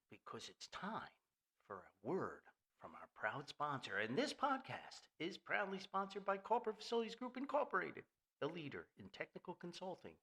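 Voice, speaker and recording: An older New Jersey man runs an informal solo podcast with sponsor reads, talking in a rambling, folksy, joking style with theatrical stress. His voice is a little high, bright, and forceful.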